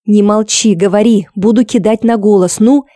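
A woman voicing an exhausted, hoarse woman who barks curt orders at a drowning man. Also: mid-range voice, steady tone, normal speed, warm tone, no echo, studio quality, natural voice. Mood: commanding. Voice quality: hoarse, raspy.

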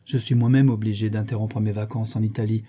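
A man reading the lines of a calm, devoted young English gentleman in an audiobook, gentle and reassuring. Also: on the low side, brisk, breathy edge.

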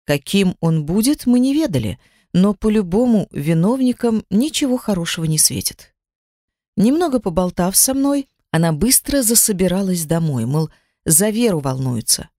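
A narrator reading a novel aloud in an expressive way, close to the mic. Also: mid-range voice, moderate pace, no echo. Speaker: audiobook narrator. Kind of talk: scripted narration.

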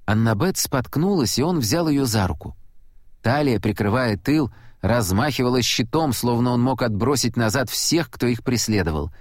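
A man reading an audiobook in first person with steady storytelling delivery. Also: medium pitch, moderate pace, no room sound, studio quality. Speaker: audiobook narrator.

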